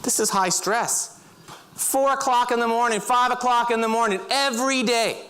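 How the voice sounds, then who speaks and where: A middle-aged man telling vivid second-person stories on a stage, breaking into loud shouts. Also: extremely high pitch, normal speed, slight background noise. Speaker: speaker. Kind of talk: storytelling talk. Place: auditorium stage.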